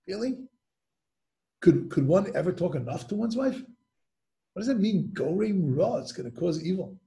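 Man, Torah teacher, slightly high voice, gravelly, rhetorical questions, many restarts. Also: mellow. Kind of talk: spoken Mishnah lesson.

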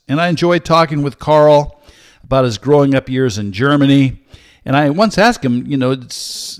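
Older man hosting a show, earnest teaching tone, steady measured delivery with pauses, dry close mic. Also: mid-range voice, no echo. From United States. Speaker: host, Bible teacher. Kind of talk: teaching monologue with personal story.

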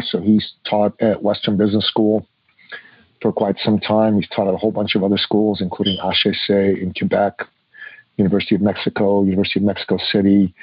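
This is a man in his fifties who grew up in Iran, speaking as a guest on a podcast. His voice sits low, and he tells his story earnestly, with many small "uh" fillers. The recording is dry and slightly muffled. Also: dry recording. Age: 50s. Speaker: guest, author. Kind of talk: podcast interview.

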